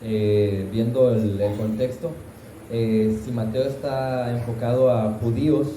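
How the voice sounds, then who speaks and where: A man's voice: mid-range voice, dark tone, slight background noise. A man in a Bible class giving a careful, reasoned answer to the teacher's question. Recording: echoey church room.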